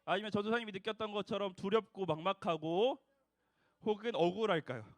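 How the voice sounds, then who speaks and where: A man's voice: high-pitched, a little fast, no room sound. A young man preaching a sermon to children, asking them questions and having them repeat after him. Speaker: junior preacher for a children's service.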